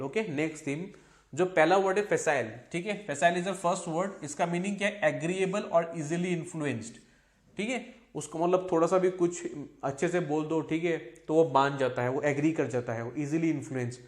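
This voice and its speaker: Man teaching vocab. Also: a little high. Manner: explains in Hindi mixed with English, repeats words, asks "ठीक है?" often. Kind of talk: exam-prep vocabulary lesson.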